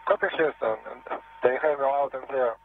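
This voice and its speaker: A man's voice: mid-range voice, moderate pace, husky, dry recording. A man doing a radio communications check, heard through a helmet-radio style link. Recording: phone-like noisy radio link with hum.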